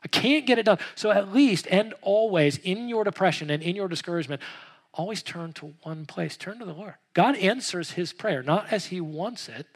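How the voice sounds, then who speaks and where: A man preaching an earnest sermon, talking conversationally with restarts and acting out quoted pleas, swinging from loud to hushed. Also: high-pitched, normal speed, husky. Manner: conversational, with repeated words and restarts. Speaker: pastor.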